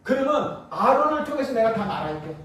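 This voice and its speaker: High-voiced pastor preaching in an echoey church. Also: male voice, brisk, far from the mic. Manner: lively preaching, rhetorical questions, chuckles. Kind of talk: sermon. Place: church sanctuary.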